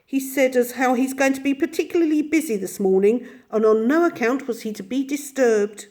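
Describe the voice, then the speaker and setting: A woman's voice: high voice, moderate pace, dark tone, pitched above the performer's own voice, natural voice. A woman voicing a polite young hedgehog who speaks deferentially, like a servant, in a storybook reading.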